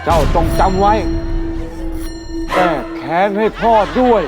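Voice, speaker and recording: A man's voice: sits high, slow. An actor playing a dead father who solemnly demands revenge, repeating his commands in a comedy sketch. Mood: solemn, commanding. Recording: loud music behind the voice.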